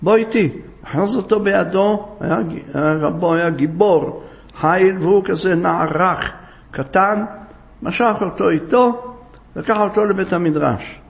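A man narrates a religious story with dramatic, repetitive phrasing. His voice is high-pitched and noticeably gravelly.

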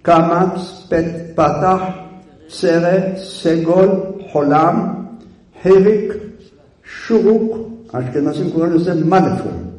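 A man's voice: fairly high pitch, a little mellow, echoey room. Man teaching with a coaxing, quizzing voice. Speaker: religious teacher. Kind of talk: classroom lesson.

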